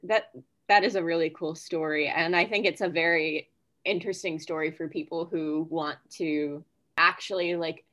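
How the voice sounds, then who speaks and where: A woman's voice: deep voice, fairly even intonation, moderate pace, fairly bright tone. Woman host giving short encouraging replies. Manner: brief encouraging back-channel replies. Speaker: podcast host. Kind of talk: interview chat.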